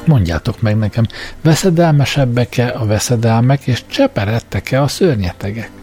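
A man's voice: medium pitch, animated, darkish tone, faint music behind, close to an everyday voice. A man doing an impatient questing prince. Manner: impatient, commanding.

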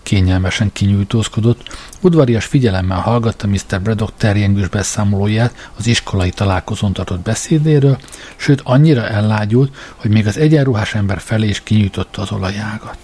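A man narrating an audiobook in a measured storytelling manner. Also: on the low side, darkish tone, husky.

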